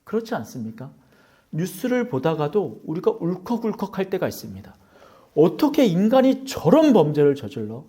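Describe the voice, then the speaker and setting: A man's voice: sits high, very animated, moderate pace, warm tone, slightly rough. A male pastor preaching a Sunday sermon in a dramatic style, firing rhetorical questions at the congregation and acting out quoted lines.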